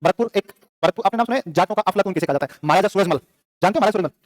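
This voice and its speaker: A male teacher, lecturing a classroom, quizzing students and answering his own questions in quick repetitive drills. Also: sits high, no echo.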